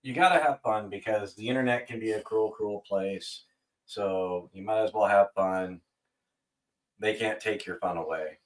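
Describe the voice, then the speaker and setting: A man's voice: lowish voice, normal speed, far from the mic, poor audio. A man co-hosting a casual livestream, giving laid-back answers to viewers. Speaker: co-host of a knife company livestream.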